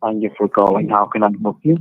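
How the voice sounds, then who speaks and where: Brief: fake support agent on a dry, thin phone line, scripted and pushy. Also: male voice, fairly low pitch, fairly even intonation, quick pace, no room sound. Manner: scripted, repeats questions insistently. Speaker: scam caller posing as tech support. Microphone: phone call.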